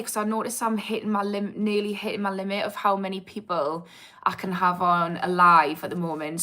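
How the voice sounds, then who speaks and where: Speaking with a medium-pitched, bright and forceful voice, this addiction therapist from England hosts a casual, informal livestream. She reads viewer comments and answers them candidly, her Geordie accent carrying a slightly posh twang.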